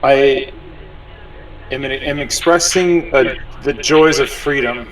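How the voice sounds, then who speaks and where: A man with a mid-pitched voice improvises as a player in a tabletop game. He speaks very slowly and deliberately, often stopping to search for words. He sounds distant from the microphone. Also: slight background noise. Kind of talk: improvised first-person role-play description.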